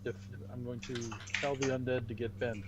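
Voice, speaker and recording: A man in an online tabletop game checks ranges and counts out his movement. His voice comes through a dull, muffled call with keyboard typing clear behind it. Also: mid-range voice, level tone, moderate pace, background noise. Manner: asks rule questions, counts out moves. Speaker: player. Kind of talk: casual tabletop game chat.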